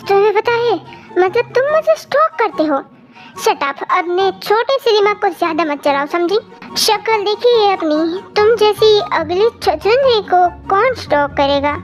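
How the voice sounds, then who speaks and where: A woman performing acted fan-fiction dialogue, trading taunts and insults as she switches between characters. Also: very high voice.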